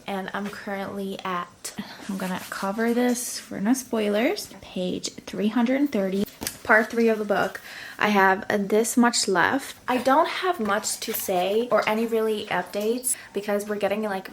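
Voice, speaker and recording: A young woman talks straight to camera about her reading, gushing and emotional, her words tumbling out with lots of casual fillers. Her voice sits in a middle pitch, with a faint hiss under the recording. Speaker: book vlogger. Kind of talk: casual reading vlog updates.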